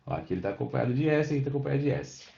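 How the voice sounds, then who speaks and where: A man teaches a Portuguese class online, speaking very fast at a medium pitch with lively intonation and a creaky, mellow voice. He explains step by step, frequently checks that students are following and answers them by name, all on a roomy, dull lo-fi recording.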